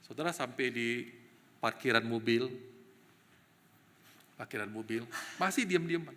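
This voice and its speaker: A man preaching a sermon in a church, telling a personal story with animated shifts between soft and loud. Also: medium pitch, a little slow, long reverb tail, a little hiss or hum. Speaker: evangelist preaching.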